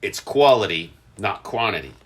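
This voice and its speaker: A man co-hosting a podcast in casual chat, rambling with fillers and restarts. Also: moderate pace. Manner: rambling, many fillers and restarts, lively pitch. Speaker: podcast co-host.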